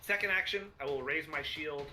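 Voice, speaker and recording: A man's voice: fairly high pitch, moderate pace, bright, forceful tone. A man playing a tabletop game, hesitant and thinking aloud as he plans his moves. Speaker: player. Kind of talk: casual tabletop play.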